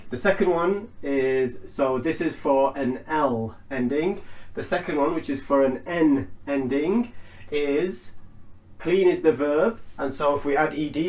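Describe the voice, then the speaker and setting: A man teaching an English lesson, explaining slowly and deliberately and spelling out each sound. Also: fairly high pitch, a little mellow. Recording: echoey room.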